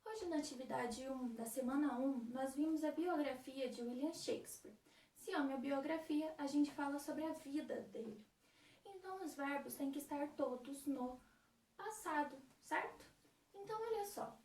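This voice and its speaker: Woman teacher, high voice, patient explainer, recorded in a roomy space away from the mic. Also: a little mellow. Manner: patient, explains rules step by step with checking questions. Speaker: English teacher. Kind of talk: recorded remote lesson for high-school students. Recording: echoey room, far from the mic.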